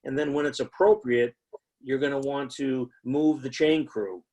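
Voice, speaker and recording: A man's voice: mid-range voice, steady tone, unhurried, mellow, low-quality recording. A man teaching new football officials in a conversational way, with frequent fillers and repeated emphasis. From United States. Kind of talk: instructional talk.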